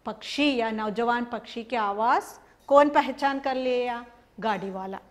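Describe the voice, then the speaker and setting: A woman teacher gives a recorded class lesson, going through a story line by line. Her voice is high and her pace slow and patient. She keeps asking questions and then answering them herself. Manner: explains slowly, asks and answers her own questions. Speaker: Hindi teacher. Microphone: recorded for an online class video.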